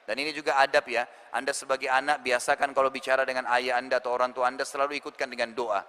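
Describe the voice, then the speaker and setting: Bright, emphatic preacher. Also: male voice, medium pitch, quick pace, in a large hall. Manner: lively, emphatic storyteller who asks listeners questions. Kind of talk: sermon storytelling to a congregation.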